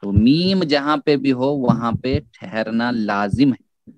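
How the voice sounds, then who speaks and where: A man teaching a Quran recitation lesson, repeating key phrases slowly and chanting Arabic verses as examples. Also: medium pitch. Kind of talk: Urdu tajweed lesson.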